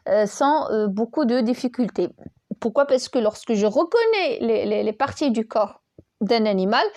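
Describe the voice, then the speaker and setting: A woman's voice: a little high, warm tone, no room sound. A woman teaching an online lesson, hesitant, repeating words and checking in with the class often.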